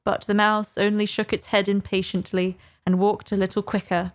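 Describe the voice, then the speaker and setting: A woman reading a storybook aloud as narrator in a clear, even way. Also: medium pitch, moderate pace. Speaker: audiobook reader.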